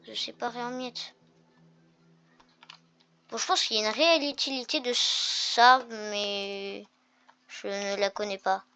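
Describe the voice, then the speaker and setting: A woman's voice: on the high side, a little slow, long pauses, sharp tone, smooth. A woman hosting a gaming video, commenting casually and thinking aloud as she tests things in the game. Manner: chatty, thinking aloud with fillers. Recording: game music playing behind.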